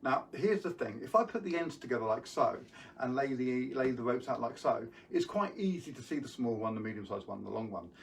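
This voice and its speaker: A man's voice: mid-range voice, expressive, fairly quick, gravelly, far from the mic, a little hiss or hum. A man hosting a live online magic show from home, chatting casually and greeting viewers by name. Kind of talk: casual live-stream chat.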